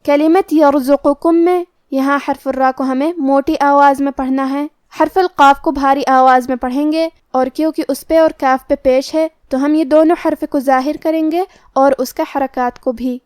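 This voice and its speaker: Woman w/ a high voice calmly explaining pronunciation rules step by step, dry close sound. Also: no echo. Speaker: Quran recitation teacher. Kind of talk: tajweed lesson, explaining then reciting slowly.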